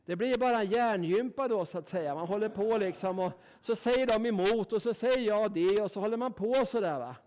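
High-voiced, folksy Swedish-speaking preacher man. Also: hardly any pauses, a little mellow, slight background noise. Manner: folksy, emphatic, keeps asking "va?". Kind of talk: sermon.

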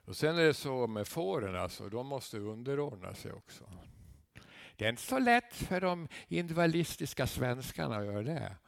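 A man's voice: mid-range voice, big pitch swings, gravelly, no echo. Emphatic preaching man, dry sound. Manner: conversational preaching, rising to loud emphatic peaks; tag questions and asides to the congregation. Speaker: guest preacher. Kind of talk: sermon.

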